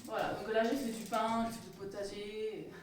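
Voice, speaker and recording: A woman's voice: mid-range voice, little pitch movement, moderate pace, a crowd in the background. Italian woman with a hesitant, echoey voice. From Italy. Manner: hesitant, many fillers and restarts. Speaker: author-illustrator. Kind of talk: casual public talk. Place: community hall with audience. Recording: echoey hall from far off.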